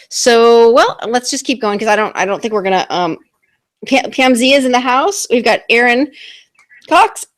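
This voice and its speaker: A woman hosting a live online talk stream, chatting casually and rambling with restarts on a computer mic. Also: medium pitch.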